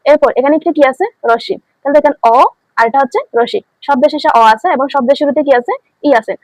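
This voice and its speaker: A woman's voice: sits high, fast, no room sound, low-quality recording. A woman teaching a grammar lesson, asking questions and answering them herself, repeating key words. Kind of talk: online classroom lesson.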